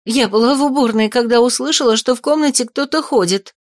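A woman voicing a frightened young peasant girl who talks in a rushed, trembling way. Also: fairly high pitch, no echo, clean studio sound, natural voice. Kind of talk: audiobook character voice.

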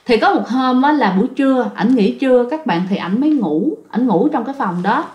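Chatty Southern Vietnamese woman telling a ghost story, fairly high voice, roomy and dull recording. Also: lively intonation, a little fast. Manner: chatty, addresses listeners directly. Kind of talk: told ghost story to listeners.

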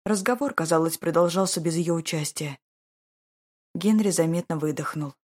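A woman narrating a romance audiobook in a slow, measured, expressive way. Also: on the low side.

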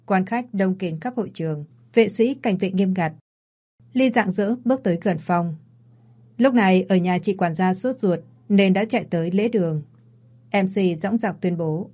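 A woman's voice: medium pitch, moderate pace, dark tone. A woman narrating a dramatic audio story in an emotive storytelling manner.

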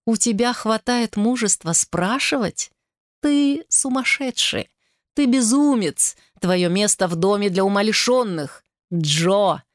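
A man's voice: sits high, a bit bright, no echo, clean studio sound. A woman voicing a cruel man who mocks his brother with a sneer, in a storybook reading. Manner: sneering, taunting.

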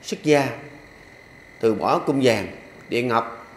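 A medium-pitched, animated, slow-paced voice belongs to an older Buddhist monk with a Southern Vietnamese accent delivering a sermon as a dharma talk. He preaches in a folksy, humorous way with rhythmic refrains he repeats, inside a temple hall. The audio has a little hiss or hum, an echoey hall sound, and faint ambience.

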